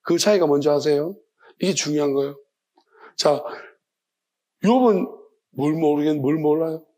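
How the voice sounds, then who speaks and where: A male pastor, preaching a midweek sermon in a conversational, animated way, often laughing. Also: a little high, moderate pace.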